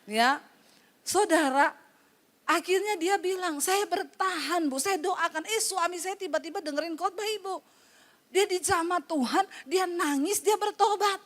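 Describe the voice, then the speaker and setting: A woman pastor preaching a lively sermon to a congregation, joking with them and retelling conversations. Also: extremely high pitch, unhurried.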